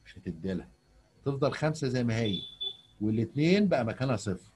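A man with an Egyptian accent gives an online math lesson to a young pupil, gently drawing her out with patient questions. He speaks at a quick pace in a medium-pitched voice that is very animated, a little mellow and slightly rough.

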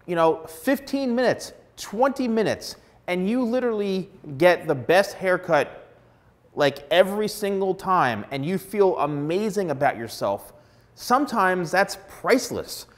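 A middle-aged man, a hairstylist, giving blunt, emphatic advice straight to camera on a lapel mic. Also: high voice. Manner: emphatic, blunt, repeats words for stress. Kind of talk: direct-to-camera advice vlog. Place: plain studio backdrop indoors.

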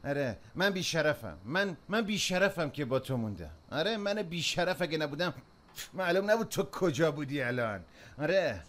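A man dubbing a volatile drunk husband who snarls threats, swinging between shouting and low muttering, in a dubbed film. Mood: bitter. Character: volatile drunk man, Yusuf, bullying his wife. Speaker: dub actor.

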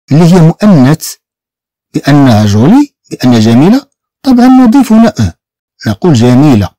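Moroccan guy teaching beginner french, says each sound over and over, mellow voice, pitch jumps around a lot. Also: no room sound. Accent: Moroccan Arabic. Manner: patient, drills sounds by repeating them slowly. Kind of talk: beginner language lesson.

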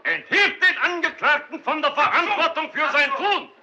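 An actor playing a defense counsel arguing against a hostile crowd, insistent and shouting over hecklers, in a 1930s film. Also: male voice, very high voice, lively intonation, normal speed, lo-fi sound, very noisy. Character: dogged male defender before a hostile mob.

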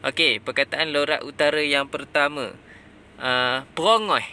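A man's voice: on the high side, steady tone, a little slow, bright, forceful tone. A Malaysian man, a father running a casual quiz for his children, prompting and explaining words simply inside a car. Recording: faint noise in a car.

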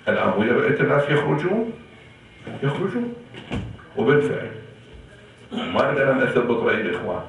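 A man's voice: medium pitch, slight background noise. A man with an Iraqi Arabic accent delivering an impassioned, rhetorical sermon in the hall of an Islamic center. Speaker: preacher. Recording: echoey hall from far off.

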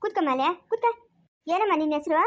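A woman's voice: very high-pitched, expressive, quick pace, a bit bright. A woman playing a kind village mother who soothes and coaxes, in a home-made family skit. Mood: coaxing. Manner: soothing, then grumbling under her breath.

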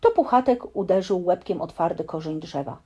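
A woman reading a bedtime story aloud in a lively, expressive storytelling manner. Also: fairly low pitch, normal speed, breathy edge, muffled recording.

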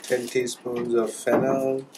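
A young man calmly explaining a recipe, listing ingredients with many ums and uhs. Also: mid-range voice, slow. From Sri Lanka. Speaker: cook showing a recipe. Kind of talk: casual cooking demonstration. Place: small indoor room, student kitchen. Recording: echoey room, mic far off, noisy.

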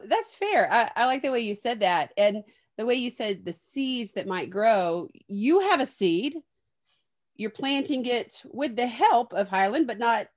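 Lively, encouraging young woman host. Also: a little high. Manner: encouraging, playful. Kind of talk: video call conversation. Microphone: video call.

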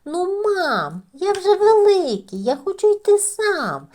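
A woman voicing a small stubborn boy mouse who insists on doing everything himself, with high, eager, childlike exclamations. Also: very animated, slow, a little mellow, exaggerated voice.

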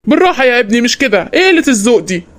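A voice actor playing a stubborn, grumpy father in an Egyptian cartoon, with a gruff, scolding manner. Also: very animated, rapid-fire, natural voice. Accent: Egyptian Arabic. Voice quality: pitched-up cartoon voice.

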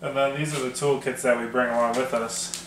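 A man casually chatting about his off-road gear, relaxed and rambling with lots of fillers. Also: mid-range voice, brisk. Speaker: off-road video host. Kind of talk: casual garage chat. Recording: echoey room with faint noise.

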